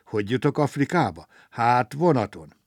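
A round little storybook traveler who loves chocolate, voiced a touch higher and louder than the telling around him, as a man reads him out. He sighs heavily over his troubles, then cheers up at every new idea. The recording is close and dry. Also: sing-song, breathy edge, no echo, recorded from a distance. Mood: cheerful. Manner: sighing, then brightening.

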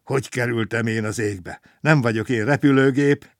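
A man voicing a small-truck driver who grows cross and yells at a heavy passenger. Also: mid-range voice, fairly even intonation, dry recording, studio quality, lightly acted. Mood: angry. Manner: shouting, cross. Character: grumpy truck driver, gruff working man.

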